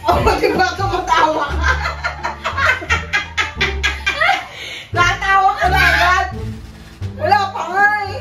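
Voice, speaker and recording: A woman chatting casually and excitedly during a physical challenge, giggly and out of breath. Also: very high-pitched, normal speed. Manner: giggly, exclaiming, physically exerting herself. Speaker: vlogger doing a challenge. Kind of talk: casual chat. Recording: echoey room, distant mic, music behind.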